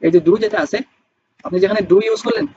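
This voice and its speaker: A man's voice: sits high, wildly swooping pitch, quick pace, mellow. A man teaching English grammar to a class, rambling and repeating himself and often checking in with the students. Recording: dull lo-fi sound with faint noise.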